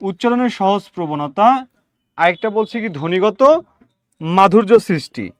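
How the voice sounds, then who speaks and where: A man teaching a class, repeating words aloud slowly and often asking his listeners whether they follow. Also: sits high, lively intonation, no echo. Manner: addresses listeners directly with questions. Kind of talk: classroom lecture.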